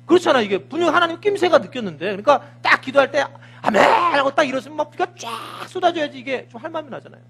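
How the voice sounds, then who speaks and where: A man's voice: very high voice, animated, quick pace, gravelly, few pauses, bright, forceful tone. A man, a senior pastor, preaching a Sunday sermon with vivid storytelling, sound words and acted dialogue.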